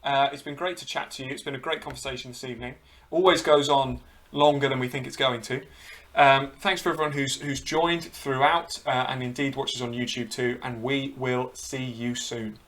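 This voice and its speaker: A man's voice: mid-range voice, steady tone, moderate pace, fairly bright tone. Man wrapping up a podcast. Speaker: podcast co-host. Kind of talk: casual chat.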